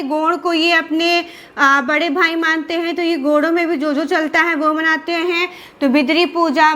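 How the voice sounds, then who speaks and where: A woman's voice: very high voice, bright, forceful tone. A woman teaching an exam-prep lesson, asking questions and answering them herself while repeating key terms. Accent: Indian Hindi. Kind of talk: classroom lecture with repetition and revision.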